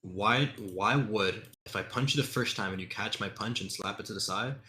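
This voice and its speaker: A man's voice: on the low side, moderate pace, pushed and bright. A man in a heated online debate, insistent, cutting in and repeating himself.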